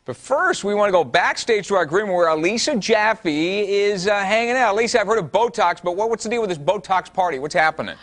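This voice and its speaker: A man hosting a studio TV show, energetic. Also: high voice, a little fast, hardly any pauses. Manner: energetic, lively. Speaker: TV host.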